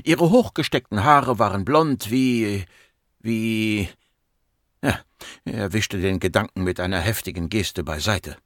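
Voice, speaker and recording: A man narrating an audiobook in an expressive storytelling manner. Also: on the low side, normal speed, few pauses, no echo, studio quality.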